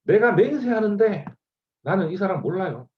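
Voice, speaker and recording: A man's voice: sits high, expressive, normal speed, echoey room, far from the mic, slight background noise, pitched above the performer's own voice. Give me a preacher playing a frightened grown male disciple, said in short plain lines over muffled online call sound. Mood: denying. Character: frightened apostle Peter, grown man, denying then remorseful. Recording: dull lo-fi online video call.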